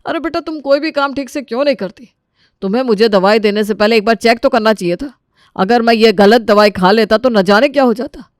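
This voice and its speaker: A woman's voice: on the high side, normal speed, clean tone, no echo, studio quality, natural voice. A woman voicing a stern older father-in-law in a cartoon story, scolding in a fatherly way.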